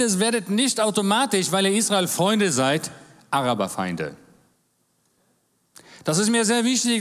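A man in his forties gives a jovial church talk as a guest speaker, trading jokes and calls of amen with the congregation. His voice sits a little high, and it rings out through a large, reverberant church hall. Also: fairly bright tone. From Germany. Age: 40s.

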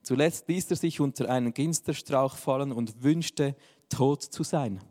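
A man's voice: mid-range voice, a little slow, mellow, big-room sound. A man, preaching a sermon in a casual, joking style. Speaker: pastor.

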